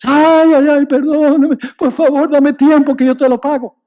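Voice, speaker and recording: A man's voice: extremely high pitch, flat delivery, moderate pace, dark tone, pitched above the performer's own voice. A preacher voicing a desperate male debtor from a parable who whines and sobs for mercy. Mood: wailing plea. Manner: whiny, sobbing pleas.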